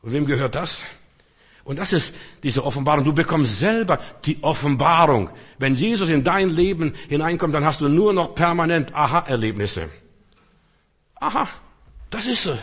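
A man's voice: on the high side, animated, moderate pace, a bit bright. A man preaching a sermon in church, speaking straight to the congregation with rhetorical questions. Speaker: pastor.

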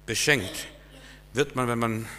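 A male preacher giving a sermon, emphatic and swinging between loud stresses and quiet asides. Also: medium pitch, slow pace, big-room sound.

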